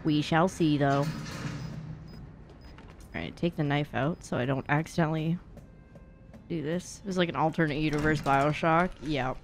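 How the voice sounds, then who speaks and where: Speaking at normal speed with long pauses, the streamer has a low-pitched voice, and faint music sits under the horror game sounds. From her indoor streaming room, the young woman chats casually and playfully about the game, using plenty of slang.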